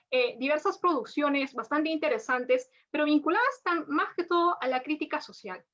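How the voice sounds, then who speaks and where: Brief: woman lecturer, high voice, muffled lo-fi recording, chatty restarts. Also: a bit bright. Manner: frequent tag questions and restarts. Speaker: lecturer on literature. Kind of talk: academic lecture. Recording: dull lo-fi audio.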